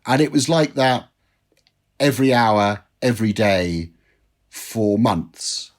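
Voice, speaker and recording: A man's voice: lowish voice, animated, slow. A man, a drinks writer, telling self-deprecating anecdotes as a guest in an interview. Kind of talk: interview storytelling.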